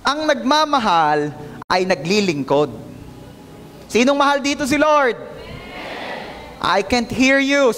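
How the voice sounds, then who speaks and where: A male pastor preaching a sermon in church, mixing English into his talk and calling out to the congregation for answers. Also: sits high. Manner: lively, calls out to the congregation for responses; mixes English into Filipino. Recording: long hall reverb.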